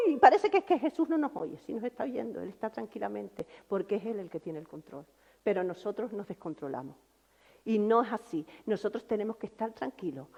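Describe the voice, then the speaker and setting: A woman pastor delivers an impassioned sermon in a high, very lively voice. She swings from loud outbursts to hushed lows. The sound is dull and lo-fi, with a long reverb from the hall.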